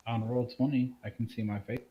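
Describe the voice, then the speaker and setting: A man's voice: mid-range voice, little pitch movement, brisk. A man chatting casually and jokingly as a player on a voice call. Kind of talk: casual chat. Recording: dull voice-chat audio.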